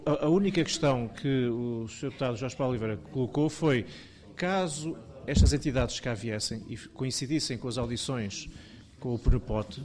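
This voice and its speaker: A man's voice: medium pitch, darkish tone. Formal Portuguese committee chairman. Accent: European Portuguese. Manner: formal, procedural, calls speakers and votes. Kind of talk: chairing a parliamentary committee meeting. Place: parliamentary committee room.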